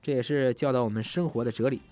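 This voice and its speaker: A man's voice: mid-range voice, steady tone, quick pace, over a noisy crowd, heavy background noise. A man hosting a show, reading listener messages in a jokey, chatty way and laughing often. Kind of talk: casual chat.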